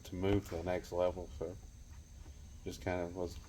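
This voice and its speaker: Low-voiced racer, blunt. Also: male voice, little pitch movement, normal speed, dark tone, slight background noise. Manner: blunt, confident, lots of "I mean". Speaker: drag racer. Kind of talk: casual post-race chat.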